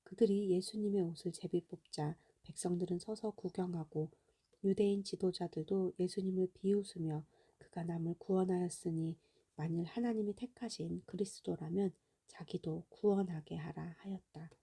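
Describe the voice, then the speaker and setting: A woman reading scripture aloud in a soft, hushed bedtime voice that slips into a half-whisper. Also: fairly low pitch, fairly even intonation, moderate pace, slightly rough. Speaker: Bible reader.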